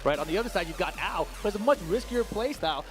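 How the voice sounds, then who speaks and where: Guy casting a fighting game tourney, talks fast, conversational breakdowns, music in the background. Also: sits high, expressive. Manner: conversational back-and-forth analysis. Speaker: esports commentator. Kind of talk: live fighting game commentary. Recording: music playing behind the voice.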